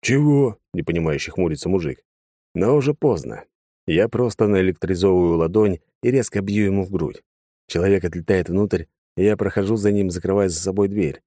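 A male audiobook narrator reading a first-person fantasy story in a dry, matter-of-fact way. His voice is low and dark. The sound is close and dead, as in a treated recording booth. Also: a little fast, no room sound.

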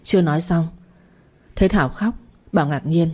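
A woman narrating a dramatic first-person story in a calm, even reading voice. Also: fairly low pitch, normal speed.

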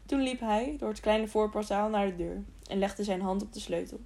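A woman's voice: mid-range voice, moderate pace, gravelly, mellow. A woman narrating an audiobook of a children's novel, reading steadily with occasional slips and restarts.

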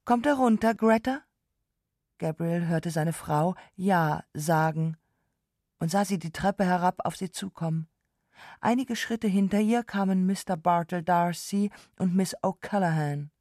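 A woman narrating a literary story for radio in a calm, measured way. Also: fairly low pitch, no echo, studio quality.

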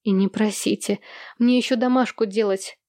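A woman's voice: mid-range voice, fairly even intonation, moderate pace, dark tone, no echo, clean studio sound, natural voice. Woman doing matter-of-fact big sister Louie.

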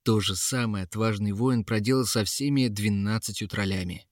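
A man narrating a fantasy tale in a steady, dramatic storytelling voice. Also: lowish voice, normal speed, dry recording, clean studio sound.

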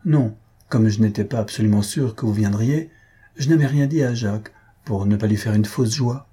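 A man voicing a breezy young husband who talks briskly and teasingly, always in a hurry. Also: lowish voice, warm tone, slightly rough.

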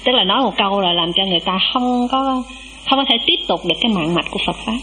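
Humble nun giving a dharma talk. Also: female voice, mid-range voice, lively intonation, quick pace, sharp tone, a little hiss or hum, rough recording. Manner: humble, calls herself "em", asks the listeners questions. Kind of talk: dharma talk to a monastic assembly.

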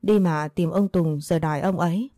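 A woman's voice: lowish voice, fairly quick, mellow, dry recording, clean studio sound, faint music behind, lightly acted. A woman voicing a poor, distraught middle-aged village wife who laments and pleads.

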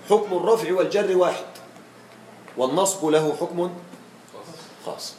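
A man teaching a grammar lesson to a class, checking with his students and slowing down to model each example. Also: fairly high pitch, echoey room, a little hiss or hum, poor audio.

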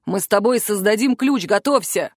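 A woman's voice: mid-range voice, lively intonation, normal speed, a little mellow, no echo, natural voice. Lady doing a brave young guy fire mage, urgent and encouraging, dry close sound. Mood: strained.

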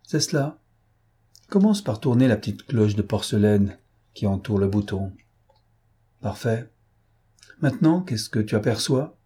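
A man voicing a cool, ironic gentleman thief who gives imperious orders in an audiobook. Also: on the low side, unhurried, pauses often, slightly rough. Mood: mocking. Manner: imperious, calmly mocking orders. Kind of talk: audiobook character reading.

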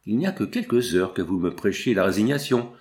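Cold, scornful tyrant prince, a male reader voicing him low and commanding. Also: animated, fairly quick, darkish tone, natural voice. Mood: stern. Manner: stern, scornful. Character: harsh, domineering prince. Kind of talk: audiobook character reading.

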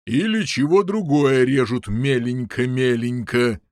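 A huge, bullying giant who draws out every threat, loud and heavy, in a slow, unhurried drawl, as a male narrator voices him. The voice sits at an ordinary male pitch but has a strained, altered edge. The recording is dry and close, with no room behind it. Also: no room sound, natural voice. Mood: gloating. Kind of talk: audiobook character voice.

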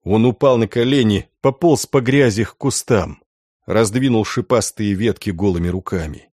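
A man reading a dark story as audiobook narration, low and hushed with lively swings into the characters. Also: moderate pace, dry recording, clean studio sound.

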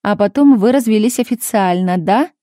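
A woman reading a calm, insistent grown daughter. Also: mid-range voice, moderate pace, no echo, clean studio sound, lightly acted. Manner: calm, patient, pleading.

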